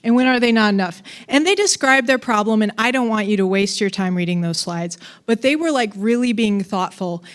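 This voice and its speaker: A woman's voice: mid-range voice, a little fast, hardly any pauses. A woman giving a conference talk on coding, casual and playful, with fillers and asides. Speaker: conference speaker.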